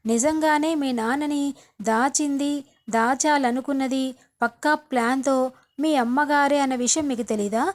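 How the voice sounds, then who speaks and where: Woman reading as a cocky young man, taunting, threatening, high voice. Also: a little slow.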